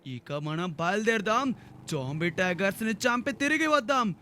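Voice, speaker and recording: Excitable man narrating a game for kids. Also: high-pitched, moderate pace, slight background noise. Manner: excitable, exaggerated and theatrical. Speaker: gaming video narrator. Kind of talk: playful game commentary for children.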